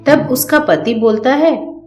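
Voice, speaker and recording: A female storyteller reads a moral tale slowly and steadily. Her narration sounds roomy, with faint music running underneath. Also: high voice, darkish tone.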